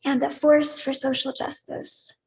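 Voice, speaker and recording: A woman leading a congregation in worship, gently inviting them to repeat words back to her. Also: high-pitched, little pitch movement, measured pace, vocal fry, rough recording. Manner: gentle, inviting, leads call-and-response. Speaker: service leader. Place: church sanctuary.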